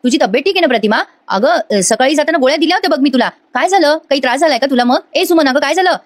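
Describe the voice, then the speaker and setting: A woman's voice: high voice, expressive, rapid-fire, pitched above the performer's own voice. A woman voicing an angry, stern middle-aged husband and father, scolding and demanding answers. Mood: concerned.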